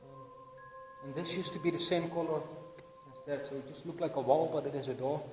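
Over music, a young Belgian-accented vlogger whispers excitedly through an abandoned building's echoey halls and attic, filling his narration with fillers. His pitch runs fairly high and his speed is normal. He's using an action camera, handheld or worn on the body.

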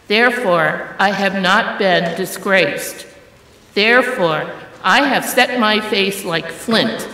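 A woman reading scripture aloud in church, formally and solemnly, with deliberate phrasing. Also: medium pitch, a bit bright. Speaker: scripture reader. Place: large church, indoors. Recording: echoey church with long reverb.

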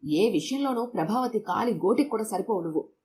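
A woman's voice: mid-range voice, lively intonation, a little fast, dark tone, a little hiss or hum, lightly acted. A woman voicing a regretful husband who complains bitterly, in her own reading voice. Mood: complaining.

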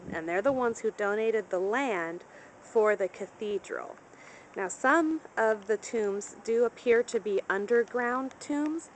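A woman's voice: on the high side, slight background noise, low-quality recording. A woman narrating a guided tour as she walks outdoors through a cemetery, recorded on a handheld camera. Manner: informative, walking and pointing things out. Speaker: travel vlogger. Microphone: handheld camera mic.

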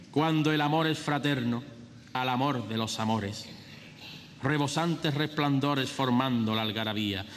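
A middle-aged man declaims religious verse as a festival orator, solemn and theatrical, like a proclaiming herald. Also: a little high. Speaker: festival orator giving a Holy Week proclamation. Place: large theatre stage. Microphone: lectern microphone. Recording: echoey theatre hall, noticeable hiss.

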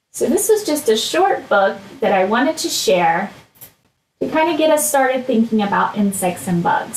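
A woman's voice: medium pitch, reverberant, slight background noise, rough recording. A woman in her thirties teaching young children online in a broad, singsong manner, often prompting them with questions, recorded on a computer mic at home. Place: small furnished room at home. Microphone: computer mic at desk, video call framing.

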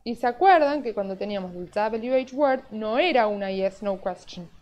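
A woman's voice: mid-range voice, animated, normal speed, darkish tone. A woman teaching English in a live online class, moving between English and Spanish, patient and explaining step by step with frequent "yes?" check-ins. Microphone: video call. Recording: dull, lo-fi online class audio.

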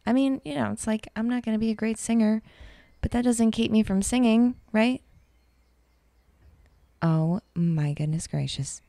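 A woman artist and teacher giving a calm, reflective talk over an art demonstration, soft and unhurried with fillers. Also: fairly high pitch, vocal fry, dry recording, studio quality.

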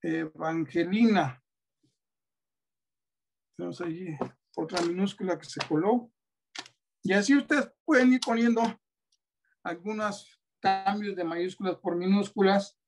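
Man, Mexican Spanish accent, high voice, patient teacher demo. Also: moderate pace, background noise. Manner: patient, asks many rhetorical checks. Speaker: teacher presenting teaching materials. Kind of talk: classroom-style demonstration.

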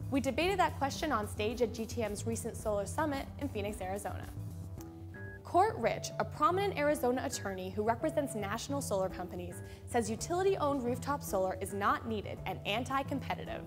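A young woman hosting a scripted explainer in a studio, speaking clearly and upbeat into a lapel mic. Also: on the high side, animated, brisk, over music. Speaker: host. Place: studio with a plain gray backdrop.

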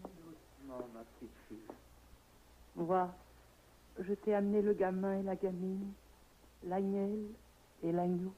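An actress playing a calm old servant in a 1960s radio drama, speaking quietly and bluntly. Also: female voice, lowish voice, measured pace, long pauses, a little hiss or hum, lightly acted. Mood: soothing. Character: calm old servant Georgine, weary and matter-of-fact. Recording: muffled old radio recording.

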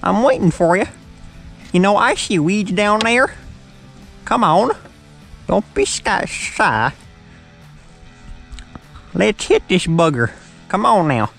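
A man's voice: high voice, sing-song, slow, vocal fry, pauses often, fairly bright tone, soft background music. A man with a Southern accent hosting a fishing show, chatting in a folksy, joking way from a boat on a lake. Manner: folksy, joking, calls his buddy "son". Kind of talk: casual chat while fishing.

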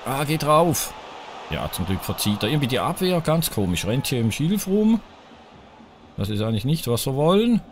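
Excitable man commenting his own football game. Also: medium pitch, normal speed, a little hiss or hum. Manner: excitable, groans and cheers at each chance, talks to viewers. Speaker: gaming YouTuber playing a football video game. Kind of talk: live let's-play commentary.

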